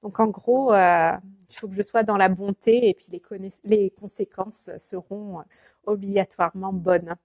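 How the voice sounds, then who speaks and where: A woman's voice: mid-range voice, steady tone, normal speed, darkish tone, no echo. A woman coach chatting casually in a live video, hesitant and full of fillers and restarts, greeting viewers by name. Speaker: life coach.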